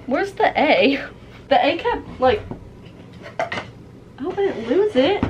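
Bubbly young sorority girl, high-pitched voice. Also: expressive, slow pace, dull audio, noisy background. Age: young adult. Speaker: vlogger. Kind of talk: casual unboxing vlog chat. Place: small dorm room, indoors. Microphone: camera at about arm's length.

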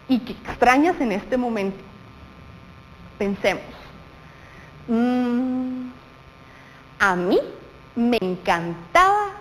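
A woman with a Guatemalan Spanish accent teaches children on TV, her voice fairly high and full of movement. She speaks slowly and expressively, putting questions straight to the viewer. A light reverb and faint hiss sit behind her. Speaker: primary school teacher. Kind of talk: television lesson for children. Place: TV studio.

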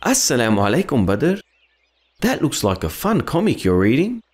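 A man's voice: mid-range voice, wildly swooping pitch, moderate pace, husky. A man voicing a kind, wise cartoon friend who guides children in an earnest, encouraging, instructive way. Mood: friendly. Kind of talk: children's educational cartoon acting.

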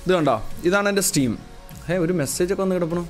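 Male streamer from Kerala, high-pitched, relaxed live chat with viewers, calling them bro. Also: fast talker, faint music behind. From Kerala, India. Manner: chatty, greets viewers and answers chat, calls them bro. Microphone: calibrated streaming mic.

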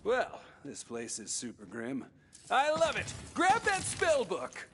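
A man's voice: sits high, wildly swooping pitch, slow, a bit bright, full character voice. A man playing an eager, cheerful adventuring companion bantering in a video game. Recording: clear noise behind the voice.

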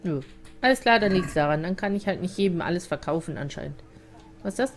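Lively German woman playing a game. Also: fairly low pitch, fast. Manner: chatty, playful, talks to characters. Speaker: let's play host. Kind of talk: casual gameplay commentary.

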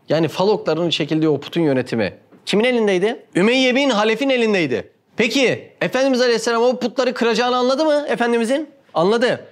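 A man with a notably high voice gives a religious talk in storytelling form. He keeps asking his listeners rhetorical questions and acts out the quoted dialogue with lively, shifting delivery. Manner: animated, asks the audience frequent rhetorical questions. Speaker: religious speaker.

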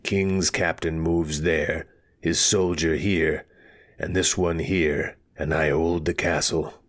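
A wounded, sharp-minded lord speaks in a measured, faintly mocking manner, read by a male storyteller. His voice is deep and unhurried, close to the reader's own tone. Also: flat delivery, full character voice. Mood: wry calm. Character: wounded, cruel-mouthed lord, a sharp and wry strategist.

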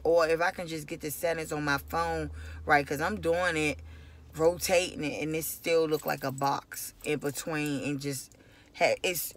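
A woman talks casually to her viewers from the seat of a car, recorded on a phone held at arm's length. Her voice has a gravelly, creaky edge. She rambles loosely and circles back over her points. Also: sits low, fairly bright tone. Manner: loose, rambling, repeats herself. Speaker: vlogger. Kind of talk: casual chat to camera. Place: inside a parked car at night. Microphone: phone camera at arm's length.

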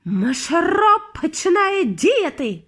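A woman doing a shrill scheming witch queen. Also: very animated, full character voice. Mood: shrill gloating. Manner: slow sugary coaxing, then shrieking chants. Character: scheming female witch leader, sugary then shrill.

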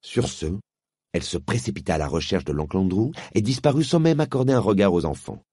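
Man, audiobook narration, husky, low voice, expressive. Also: dry recording, clean studio sound. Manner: measured, expressive storytelling.

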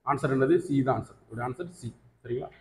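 A man's voice: medium pitch, fast talker. A man with a Tamil accent teaching an exam coaching class, who keeps asking his students "right?" and mixes English terms into his speech. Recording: echoey hall recording.

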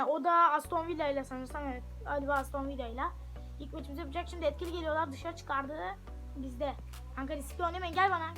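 A woman casually commentating her soccer video game at home, chatting to viewers and shouting at her players when the action heats up. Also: sits high. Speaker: gaming channel host. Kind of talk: live gameplay commentary. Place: room at home.

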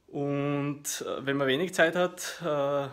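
A man's voice: on the high side, fairly even intonation, slow pace, clean tone. Austrian man casually explaining a workout. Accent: Austrian German. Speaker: fitness vlogger. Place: small living room at home, indoors. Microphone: phone at arm's length.

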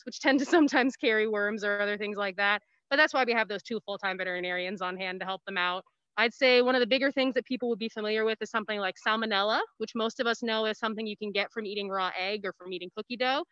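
A woman's voice: fairly high pitch, sharp tone, clear, resonant tone, no echo. A woman speaking through a face mask as an educator on an informal virtual tour, explaining things in plain words. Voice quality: slightly muffled by a face mask. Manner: explanatory, plain-worded asides. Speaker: animal care educator giving a virtual tour. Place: outdoors in woodland, on a video call. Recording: slightly dull video-call audio.

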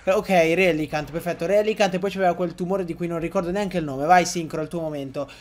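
A young man giving excitable, joking Let's Play commentary to his viewers, often swearing. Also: on the high side, fast. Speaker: gaming YouTuber.

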